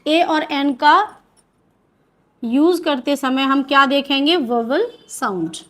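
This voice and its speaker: A woman's voice: sits high, takes it slowly, a bit bright. A woman with an Indian accent teaching English grammar in a video lesson, asking questions and answering them herself.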